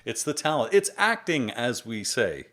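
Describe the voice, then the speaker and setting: A man's voice: mid-range voice, big pitch swings, moderate pace, a bit bright. Brief: male podcast host, enthusiastic and emphatic, easy chat. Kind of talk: casual interview chat.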